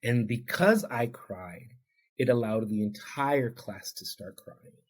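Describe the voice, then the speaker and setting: A native Spanish speaker who counsels people with addictions looks back on his past as a podcast guest. He speaks slowly and earnestly, in a heartfelt, reflective manner, with a voice at an ordinary middle pitch for a man.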